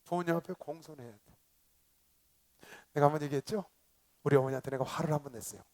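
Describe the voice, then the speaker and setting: Pastor, male, high-pitched; sermon delivery, leads call-and-response, jumps from loud to hushed. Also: fast. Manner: emphatic, swings between loud exclamations and quiet asides. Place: convention hall seminar.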